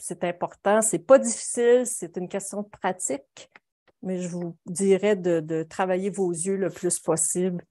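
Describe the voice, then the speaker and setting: A middle-aged watercolour instructor with a Quebec French accent gives a live painting demo over a video call from her home studio indoors. Her voice sits on the low side, mellow and steady, at a moderate pace, and she explains things informally and conversationally.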